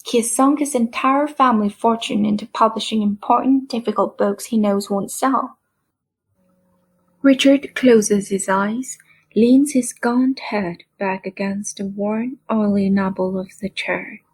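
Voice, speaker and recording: Audiobook narrator woman, gravelly voice. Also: mid-range voice. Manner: measured, literary.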